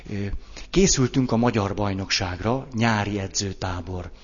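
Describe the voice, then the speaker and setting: A man with a low, husky voice giving a measured, personal talk. He acts out small everyday examples as he goes. The sound is dull and lo-fi, with a long reverb from a large hall. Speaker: speaker. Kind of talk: lecture-style talk.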